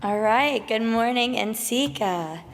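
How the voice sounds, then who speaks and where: A hoarse woman, giving an emotional, grateful conference presentation in a large convention hall on a lectern mic. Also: a little high, lively intonation, slow, background noise. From Alabama, USA. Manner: emotional, grateful, laughs nervously. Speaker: emerging artist presenter. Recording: long hall reverb.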